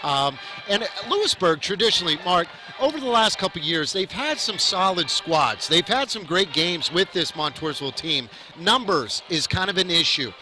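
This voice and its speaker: A man's voice: high voice, big pitch swings, moderate pace, hardly any pauses, bright, forceful tone, rough recording. A man hosting a live football broadcast outdoors, chatty and conversational in his commentary. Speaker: play-by-play sports host. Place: outdoors at a high school football field.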